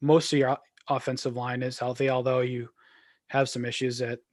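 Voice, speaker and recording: A man's voice: mid-range voice, level tone, moderate pace, no echo. A man co-hosting a casual sports podcast, rambling through game talk with lots of fillers and restarts. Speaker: podcast co-host.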